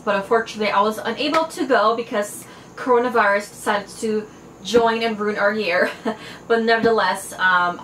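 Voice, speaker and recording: In a casual haul video, a young woman whose first language is Farsi talks excitedly about fashion, dropping plenty of fillers along the way. Her voice sits in the mid range and is slightly bright. She's a fashion and beauty vlogger recording in an echoey room with a little background noise.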